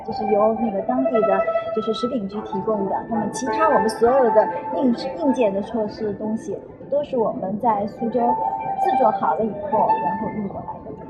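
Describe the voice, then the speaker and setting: A woman from China giving unscripted explanations as an interviewed garden designer, pausing between short phrases. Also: a little high, lo-fi sound. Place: garden show, with music playing. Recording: loud music nearby.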